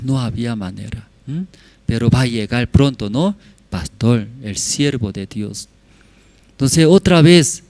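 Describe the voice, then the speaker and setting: A man's voice: medium pitch, darkish tone, no echo. A man preaching, telling a story and checking in with tag questions. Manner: frequent tag questions to the audience. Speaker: pastor. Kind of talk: sermon storytelling.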